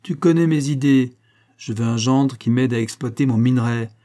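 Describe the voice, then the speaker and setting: A man reading aloud, voicing a gruff, stubborn older father who scolds and refuses curtly in a rough voice. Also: medium pitch, moderate pace, mellow, natural voice. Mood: stubborn refusal. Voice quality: rough, growling. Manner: scolding, curt and domineering.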